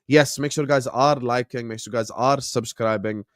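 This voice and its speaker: A man in his late twenties from the Gulf hosts a football watchalong live stream, chatting casually in slang while reacting to the match and reading chat, with frequent chuckles and direct replies to viewers. He speaks in a mid-range, steady voice at a moderate pace. The audio is studio quality without room sound.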